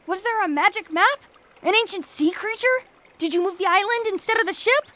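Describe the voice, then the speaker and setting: Very high-pitched, cheeky little kid. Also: female voice, fairly quick, sharp tone. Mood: curious, cheeky. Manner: questioning, cheeky. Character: curious, cheeky young child listening to a story. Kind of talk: video game voice acting.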